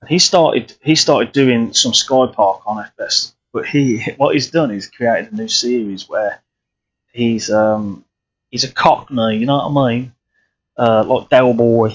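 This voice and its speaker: A man talks his way through a flight sim stream, rambling with many restarts. His voice is husky and mid-pitched, and the audio sounds a bit dull and lo-fi. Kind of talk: live flight sim commentary.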